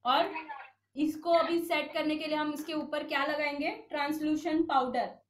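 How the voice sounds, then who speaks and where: A woman's voice: high-pitched, steady tone, normal speed, a little hiss or hum. A woman makeup instructor giving an online class, explaining each step and checking in with her students. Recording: roomy echo, voice from a distance.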